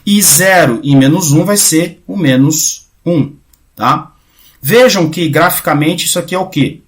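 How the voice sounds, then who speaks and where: A man giving a casual math lecture, often checking in with his students and restarting phrases, going quieter while he draws. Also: fairly high pitch, a little slow. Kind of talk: informal recorded lecture.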